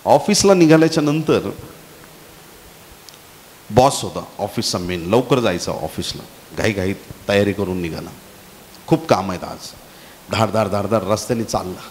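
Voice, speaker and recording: Storytelling preacher in an echoey hall. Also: male voice, fairly low pitch, moderate pace, pauses often. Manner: animated storytelling preacher asking the congregation for amens. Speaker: pastor. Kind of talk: sermon. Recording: echoey hall with faint hiss.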